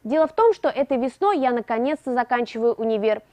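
A young woman in her early twenties from Russia, hosting a tech show and narrating a scripted gadget review with a lively, expressive delivery. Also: a little high, fast talker. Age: early 20s.

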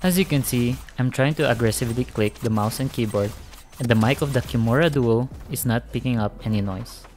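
A man's voice: medium pitch, fairly quick. A man narrating a casual product review, talking directly and in a friendly way to his viewers. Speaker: tech reviewer. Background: background music.

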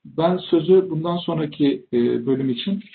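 A thin, phone-like line carries an older man's slightly high voice. He explains slides formally and deliberately, pausing to find his phrasing. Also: gravelly, slight background noise. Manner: formal, deliberate, with hesitant pauses. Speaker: tax expert presenting at a webinar. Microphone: video call. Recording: thin, phone-like webinar audio.

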